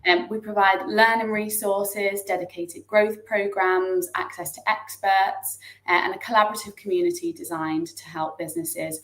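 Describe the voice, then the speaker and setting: Over a video call, a woman hosting an online webinar introduces the guest and politely reads out a formal disclaimer. Her voice is medium-pitched, steady, moderate in pace and a bit bright, and the room audio is echoey.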